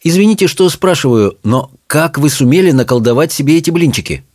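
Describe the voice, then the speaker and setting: A polite, easily flustered young girl from a storybook, as a man reading aloud puts her on. Her voice sits high and moves a lot, with a hesitant, courteous manner. The recording is dry and close. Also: expressive, fairly quick, a little mellow, no room sound.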